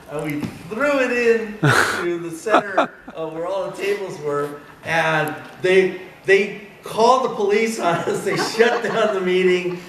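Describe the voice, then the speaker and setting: A man's voice: high-pitched, background noise. A middle-aged man from San Diego, an editorial cartoonist, telling digressive anecdotes at a convention and chuckling at his own stories. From San Diego, California. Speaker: editorial cartoonist giving a talk. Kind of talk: rambling anecdotal talk. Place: convention hall. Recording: roomy hall, distant mic, faint ambience.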